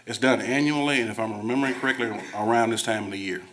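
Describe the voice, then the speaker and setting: A man's voice: mid-range voice, fast talker, crowd noise. A man with a Southern US accent, a district staff member answering board questions in a folksy, apologetic, conversational way. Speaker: school district staff presenter. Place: school board meeting room.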